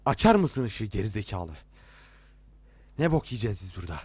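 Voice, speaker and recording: A man's voice: on the low side, big pitch swings, fairly quick, darkish tone, slightly rough, dry recording. A young man commenting as he plays a horror game, nervous and jittery, joking and swearing at every scare. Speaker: let's play gamer.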